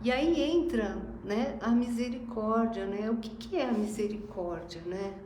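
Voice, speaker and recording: Brazilian woman, gentle spiritist talk, hesitant pacing, echoey hall, faint hiss. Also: on the high side, measured pace. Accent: Brazilian Portuguese. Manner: reflective, hesitant, frequent "né?" fillers. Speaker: spiritist speaker. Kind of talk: spiritist sermon. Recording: echoey room, faint noise.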